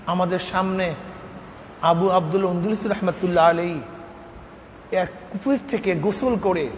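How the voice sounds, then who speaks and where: Man, preacher, high voice, impassioned sermon storytelling, long hall reverb, faint background hum. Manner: impassioned, rising to near-shouts, sing-song chanting.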